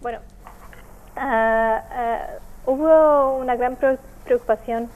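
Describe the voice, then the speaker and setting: A woman from Portugal with a Portuguese accent, speaking Spanish as a second language, answering interview questions with many pauses and fillers. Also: on the high side, steady tone, narrow, tinny audio. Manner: hesitant, many fillers and restarts. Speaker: NGO representative.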